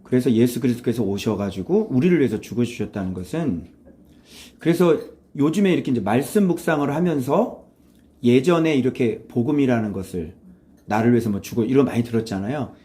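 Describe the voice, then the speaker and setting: Animated, mellow-voiced male pastor preaching. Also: mid-range voice, a little fast. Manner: animated, conversational preaching with rhetorical questions; acts out quoted voices, switches to blunt informal speech. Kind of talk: sermon.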